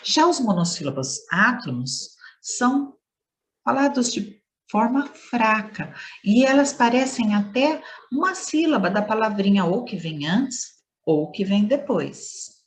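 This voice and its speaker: A woman's voice: a little high, lively intonation, unhurried. A woman teacher giving a playful lesson to schoolchildren, stretching words and leaning hard on stressed syllables.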